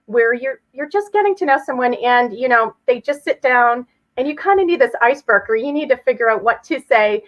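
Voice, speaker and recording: A woman's voice: on the high side, animated, fairly quick. A woman speaking as an interview guest, explaining things conversationally and chattily with everyday examples. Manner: chatty, illustrates with hypothetical examples. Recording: slightly dull, lo-fi audio.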